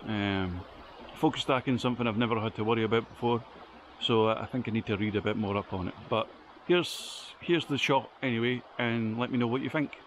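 A man's voice: mid-range voice, a little fast, slight background noise. Chatty man vlogging outdoors. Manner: chatty, rambling, lots of ums. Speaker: photography vlogger. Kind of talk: casual vlog chat. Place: outdoors in woodland by a stream.

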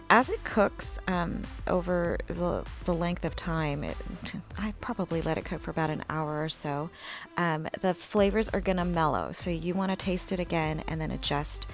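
A young woman talking through her home cooking in a relaxed, chatty voice-over, with frequent ums and little laughs. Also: fairly low pitch, vocal fry. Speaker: home cook vlogger. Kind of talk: casual cook-along voice-over.

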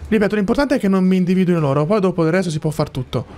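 Higher-voiced man doing casual gameplay commentary. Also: very fast. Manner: informal, thinking aloud to viewers. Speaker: gaming video host. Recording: loud game music behind.

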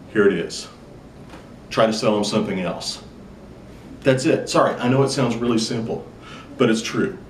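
An emphatic male sales trainer speaks with a lively, swinging pitch, like a coach pitching an idea. He sounds a little off-mic in an echoey room, with a faint low rumble behind him. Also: recorded from a distance. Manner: emphatic, upbeat presenter who acts out customer chats. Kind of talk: direct-to-camera sales tip video.

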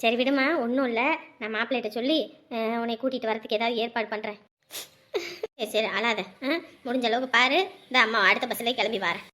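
A woman doing a soft consoling mother. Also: a little high, fairly even intonation, a little fast, pitched below the performer's own voice. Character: soothing middle-aged mother on the phone.

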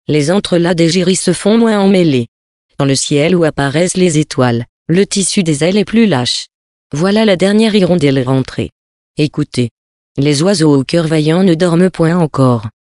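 A narrator reads a literary tale in measured, poetic phrasing. The voice sits at a middle pitch, and the recording is dry and close with no room sound. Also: darkish tone, no room sound. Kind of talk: literary story reading.

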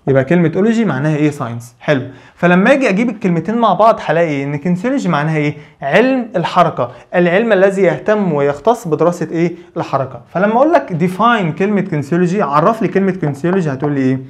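A man's voice: high-pitched, expressive, racing, hardly any pauses. A man with an Egyptian Arabic accent giving a physical therapy lecture, asking questions and answering them himself. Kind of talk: lively explanatory lecture.

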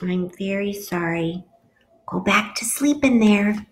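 A woman's voice: mid-range voice, slow pace, close to an everyday voice. A woman voicing an earnest, stubborn goose in a storybook, with emphatic delivery. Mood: apologetic, soft. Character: earnest, stubborn goose, a slightly slow-thinking storybook bird.

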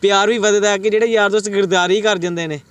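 A man's voice: high voice, steady tone, fast talker, fairly bright tone, clean tone. A man interviewing a singer for a web news channel, eager and promotional, urging viewers on. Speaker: reporter, interviewer.

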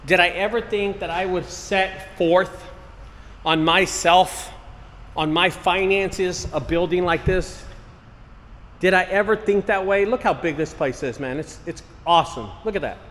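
A man's voice: high-pitched, a little slow, a bit bright. A man in his late forties walking and talking through a warehouse, giving an earnest, repetitive motivational pep talk about goals. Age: 40s. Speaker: business owner vlogger. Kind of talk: casual walk-and-talk vlog. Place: outdoors and in a large empty warehouse. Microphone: wireless earbud mic, handheld camera. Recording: faint outdoor noise.

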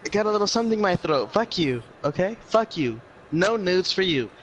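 A man in casual voice chat during a game, loud, crude and swearing a lot. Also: sits high, sing-song, fairly quick, slight background noise, rough recording. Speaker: friend in voice chat.

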